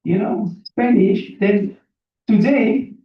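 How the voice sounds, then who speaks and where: This man, a native French speaker from Belgium who was born in Burundi, speaks with a French accent as a seminar guest speaker. His motivational talk about his life story uses simple English, repeated phrases for emphasis and questions to listeners, delivered slowly in a high-pitched, steady tone. Sound is muffled from a distant mic in a very echoey room.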